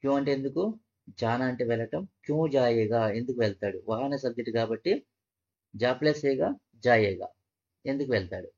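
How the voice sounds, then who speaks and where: A man's voice: mid-range voice, fairly quick, a little mellow. A man teaching a language lesson, patiently repeating each phrase and breaking it into parts. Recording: dull, muffled lo-fi audio.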